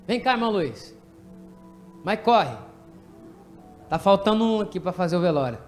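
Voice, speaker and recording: A man with a Brazilian Portuguese accent preaching an animated, jokey sermon in a church, directing people from the pulpit to act out a story. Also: high-pitched, moderate pace, soft background music. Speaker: pastor. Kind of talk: lively sermon with congregation re-enactment.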